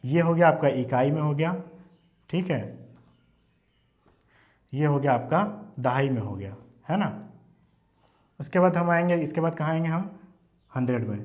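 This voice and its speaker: A man teaching a maths lesson in Hindi, mixing in English terms and often checking in with "okay?". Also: medium pitch. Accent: Hindi, Indian. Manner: repeats "ठीक है" and "है ना" as check-ins, mixes English terms into Hindi. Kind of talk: classroom lesson explaining number places.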